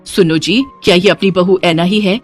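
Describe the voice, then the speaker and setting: A woman's voice: lowish voice, fairly even intonation, normal speed, faint music behind, close to an everyday voice. A woman voicing an exasperated middle-aged mother-in-law who scolds and frets.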